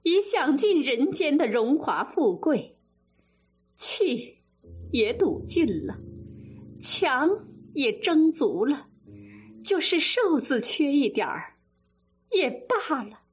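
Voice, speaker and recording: A woman storyteller voicing a proud, sharp-tongued young noblewoman in her twenties, high and commanding. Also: very animated, slow pace, pauses often, heavily acted. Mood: mournful. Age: 20s. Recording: dull lo-fi sound with faint music.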